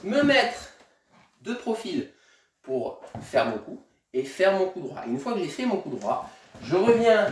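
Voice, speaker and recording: A man's voice: high-pitched, a little mellow, slight background noise. Male tennis coach, upbeat rep-counting instructor, heard from a distance in a reverberant room. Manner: counting reps aloud, encouraging; moving while talking, demonstrating exercises. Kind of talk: instructing a kids' home tennis workout.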